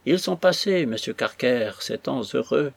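A man's voice: medium pitch, lively intonation, unhurried, vocal fry, breathy edge, no room sound, exaggerated voice. A man reading an audiobook, voicing an effusive, theatrical elderly society lady. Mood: gushing. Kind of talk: audiobook character voice.

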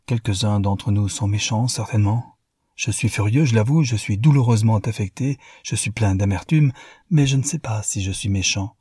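A man voicing a wealthy man filled with bitterness and fury, rising to passionate outbursts, with a husky, dark, dry sound. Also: fairly low pitch, moderate pace, no room sound. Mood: furious. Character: wealthy man, bitter and furious after betrayal.

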